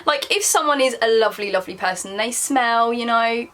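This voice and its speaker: This vlogger is a young woman with a southern English accent whose fairly high, slightly bright voice moves at a fairly quick pace. Casually reading from her diary, she pokes fun at herself in embarrassment and keeps breaking off to chat.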